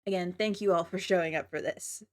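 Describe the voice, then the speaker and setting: A woman's voice: lowish voice, fairly even intonation, brisk. Giggly, slightly nervous woman streamer. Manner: giggly, apologetic, a little nervous. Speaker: livestreamer, virtual avatar host. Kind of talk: casual livestream chat to viewers.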